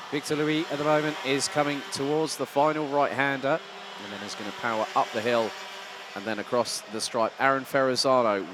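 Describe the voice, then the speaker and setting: A male motorsport commentator with a medium-pitched voice calls a kart race as it happens. He uses short, punchy phrases and throws in questions. Vehicle noise is clearly heard behind him. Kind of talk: live karting race commentary in English. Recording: noisy trackside sound with engines. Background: outdoor ambience and vehicle noise.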